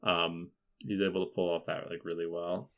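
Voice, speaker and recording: A man's voice: low voice, little pitch movement, normal speed, fairly bright tone. A man chatting casually about a film on a podcast, rambling with many fillers and frequent laughter.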